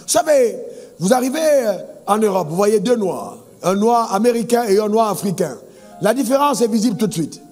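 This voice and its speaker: A man's voice: sits high, animated, moderate pace, a little mellow, long reverb tail, soft background music. A male pastor preaching a sermon, calling on the congregation to answer amen. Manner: preaching with call-and-response amen prompts.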